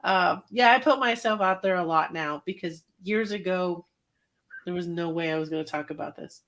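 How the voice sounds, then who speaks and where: A woman's voice: on the low side, normal speed, a bit bright. Earnest laughing woman veteran guest. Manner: earnest, laughs often, restarts. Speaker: veteran guest, life experience coach. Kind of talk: casual interview talk.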